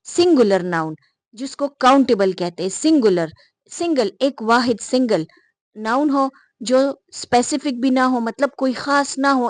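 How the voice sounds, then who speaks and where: A woman with a fairly high voice teaches a grammar lesson and keeps putting questions to her students and answering them herself. She reads each example sentence slowly and with care. The recording is dry and close, with no room sound. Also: no room sound. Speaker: English teacher.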